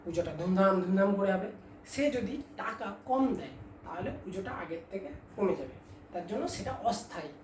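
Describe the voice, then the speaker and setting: A woman teaching a class, asking questions and answering them herself, dictating points slowly for her students. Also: mid-range voice, animated, slight background noise. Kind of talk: classroom chemistry lesson. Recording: echoey room, mic at a distance.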